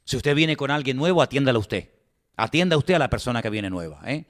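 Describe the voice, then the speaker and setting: A male pastor delivering an animated, conversational sermon to his congregation, full of rhetorical asides. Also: mid-range voice, fairly quick, big-room sound. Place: church.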